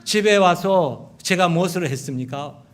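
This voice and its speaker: A middle-aged man with a Japanese accent, a pastor preaching a sermon in an animated storytelling manner. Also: high voice, normal speed. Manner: animated storytelling, acting out quotes of wife and sons. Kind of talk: sermon with acted family stories.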